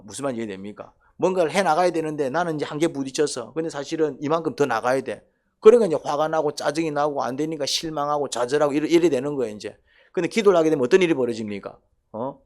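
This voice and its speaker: Pastor with a lilt. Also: male voice, a little high, darkish tone. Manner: asks the congregation questions, acts out quoted voices. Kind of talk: sermon.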